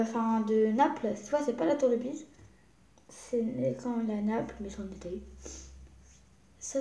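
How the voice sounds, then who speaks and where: A young woman from France chatting excitedly in a casual show-and-tell vlog, often dropping into whispers. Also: a little high. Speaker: vlogger. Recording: echoey room.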